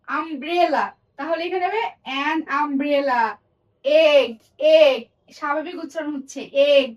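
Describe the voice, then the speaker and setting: A woman's voice: sits high, distant mic, low-quality recording. A woman teaching English grammar in a lesson, explaining step by step and repeating example words and sentences.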